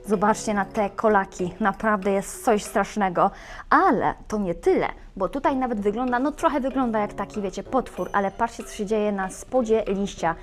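A woman's voice: medium pitch, moderate pace. Chatty, playful woman presenting plants. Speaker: plant shop host. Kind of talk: casual video presenting plants.

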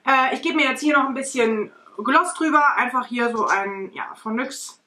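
Bright-voiced chatty woman vlogger. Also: sits high, moderate pace. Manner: chatty, rambling with many fillers. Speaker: beauty vlogger. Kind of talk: casual makeup tutorial chat. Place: bedroom or home studio, indoors.

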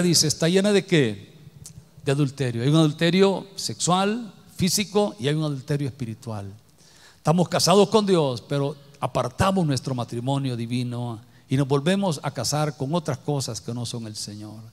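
Pastor preaching in a reverberant hall. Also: male voice, animated, moderate pace. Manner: preaching with wide swings from loud exclamations to low, quiet lines. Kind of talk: sermon. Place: church hall.

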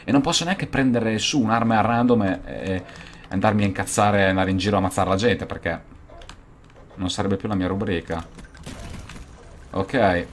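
Low-voiced excitable young man gaming. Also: normal speed, pauses often, slight background noise. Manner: excitable, swears and bursts into shouting. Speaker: gaming youtuber. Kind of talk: gameplay commentary.

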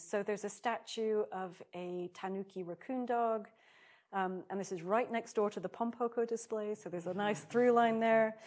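A woman's voice: mid-range voice, darkish tone. A woman lecturer gives an academic seminar talk, mostly reading from a prepared script and breaking off now and then to correct small slips. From United Kingdom.

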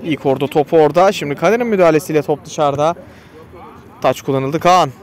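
A man's voice: on the high side, fast. A man giving live football play-by-play in short, clipped phrases naming players, raising his voice for shots and goals. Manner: raises voice excitedly at shots and goals. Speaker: football commentator.

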